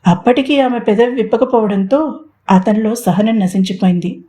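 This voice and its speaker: Woman reading a love story out loud, warm dark voice, expressive. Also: on the high side, moderate pace. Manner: expressive storytelling, mixing in English words. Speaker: narrator. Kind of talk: audio story narration.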